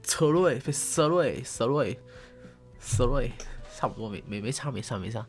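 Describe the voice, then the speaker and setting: A man's voice: mid-range voice, lively intonation, moderate pace, soft background music. A young man hosting his channel, chatting casually to camera in a playful, teasing way and hamming up English words. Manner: playful, teasing, joking self-mockery, exaggerated English words. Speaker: channel host. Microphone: desk condenser mic.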